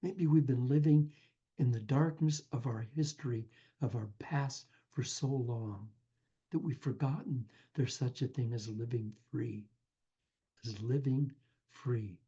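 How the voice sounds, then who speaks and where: A man's voice: medium pitch, unhurried, warm tone, breathy edge, lo-fi sound. A man giving an earnest inspirational talk, telling a parable and calling the listener his friend. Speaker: spiritual speaker.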